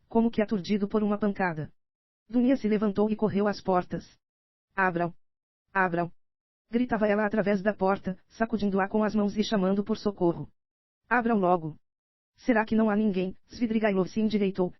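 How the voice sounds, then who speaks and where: A woman with a Brazilian accent reading a novel as an audiobook narrator, even and steady. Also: mid-range voice, a little fast, no echo. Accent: Brazilian Portuguese. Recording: dry, slightly dull audiobook recording.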